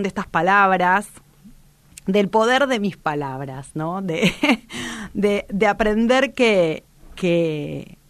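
A woman's voice: medium pitch, no room sound. A woman radio host, giving a reflective motivational talk in a strong, powerful voice, direct and vehement with many restarts.

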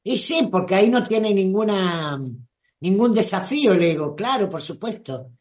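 This Rioplatense Spanish-accented host, animated and at a moderate pace with a medium pitch, leads a calm, thoughtful live talk. Listeners get answered by name, in the manner of a spiritual teacher.

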